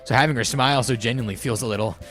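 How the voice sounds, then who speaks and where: A man's voice: mid-range voice, rapid-fire, a bit bright, soft background music. A young man reading game narration aloud with friends in a playful way, with laughing asides. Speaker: narrator of a read-through.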